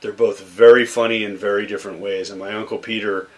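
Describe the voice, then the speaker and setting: A young man from Massachusetts, appearing as a podcast guest, rambles loosely through stories from his childhood, full of fillers and restarts. His voice sits lowish, moves little in pitch, and comes out fast in a relaxed, conversational way.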